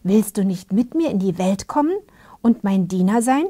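A woman's voice: medium pitch, expressive, moderate pace, dark tone, lightly acted. A woman whispering the lines of a bossy male soldier in a fairy tale, in a whispered role-play. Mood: curious. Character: gruff angry male soldier leading a band.

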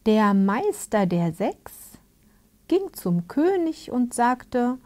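A woman telling a fairy tale in a hushed, soothing whisper, as a whispered fairy-tale reading. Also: fairly high pitch, sing-song, drawn-out words. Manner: hushed and soothing, invites listeners to get comfortable. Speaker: storyteller.

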